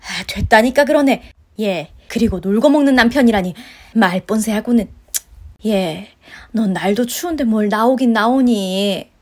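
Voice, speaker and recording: A woman's voice: a little high, normal speed, natural voice. A woman voicing a pushy, guilt-tripping older mother-in-law in a story-radio drama, scolding and sighing. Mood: grumbling. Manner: scolding, wheedling, sighs of complaint.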